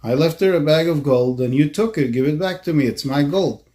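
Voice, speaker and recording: A man's voice: a little high, a little fast, mellow, natural voice. A man voicing a wealthy man who angrily demands his gold back. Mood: demanding. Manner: demanding, accusing.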